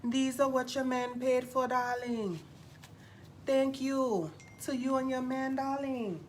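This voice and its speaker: A woman playing a sassy, glamorous TV psychic who hosts a live call-in stream in a campy, drawn-out manner. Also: high-pitched, fairly even intonation. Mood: brassy, attentive. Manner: campy, drawn-out, calls everyone darling. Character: sassy glamorous female TV psychic hotline host. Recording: noisy live stream audio.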